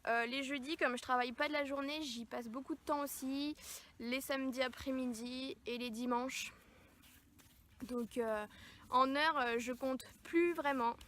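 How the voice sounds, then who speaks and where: A woman vlogger chatting casually as she answers viewer questions, pausing often with fillers. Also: sits high, fairly even intonation, a bit bright, slight background noise. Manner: hesitant, many filler pauses. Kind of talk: casual chat. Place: near horses at a stable.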